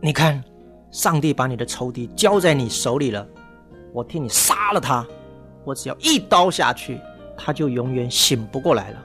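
A man's voice: medium pitch, lively intonation, moderate pace, a bit bright, soft background music. A man playing a loyal, bloodthirsty soldier in a children's audio story, urging in a conspiratorial way. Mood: eager menace. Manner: urgent, conspiratorial persuading.

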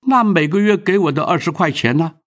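A woman's voice: on the low side, lively intonation, fairly quick, voice pushed up. A man voicing a frail elderly grandmother who lives alone, speaking in an anxious, pleading way.

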